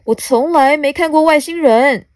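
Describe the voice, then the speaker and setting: A woman playing a hushed, fussing little bug. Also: mid-range voice, expressive, slow, no room sound. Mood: amazed. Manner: hushed, tutting warnings. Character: tiny fussing bug, worried and prim.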